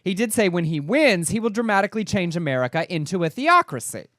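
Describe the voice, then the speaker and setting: Wry, deadpan male co-host with a lively pitch and a dry close mic. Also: quick pace, dry recording. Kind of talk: casual news chat.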